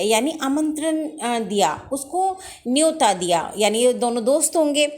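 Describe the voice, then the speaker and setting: Woman, teacher, story lesson, slow read-aloud then explaining, fairly high voice. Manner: reads English lines slowly, then explains in Hindi.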